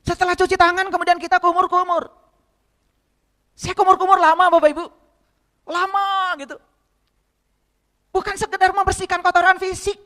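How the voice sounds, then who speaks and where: A man's voice: very high voice, little pitch movement, moderate pace, pauses often, pushed and bright. A man with a light tinge giving a sermon, pressing the congregation with rhetorical questions. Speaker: spiritual teacher. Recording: long hall reverb.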